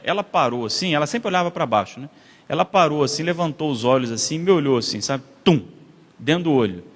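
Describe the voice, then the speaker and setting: A man, preaching a sermon as a pastor and telling a funny story, often asking the listeners questions. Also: on the high side. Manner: animated, humorous, asks the congregation questions. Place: large church hall. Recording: long echo of a church hall.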